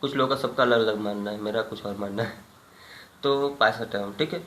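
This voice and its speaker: A man's voice: lowish voice, a little fast, a bit bright. A man teaching a biology lesson, asking the class questions and then answering them himself. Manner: repeats key points as questions, frequent "ठीक है" check-ins. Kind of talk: classroom lecture. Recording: echoey room, faint background hum.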